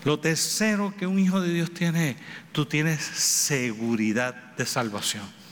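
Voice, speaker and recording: A man preaching a sermon, with repeated phrases and rhetorical questions, swinging between raised and low delivery. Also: takes it slowly, a bit bright. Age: adult with children. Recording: reverberant hall with faint background noise.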